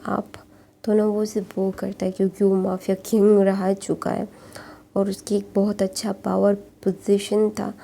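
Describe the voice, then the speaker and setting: A woman casually retelling a fan fiction story, halting often with fillers and restarts, and speaking the characters' lines in nearly her own voice. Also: mid-range voice, creaky, mellow.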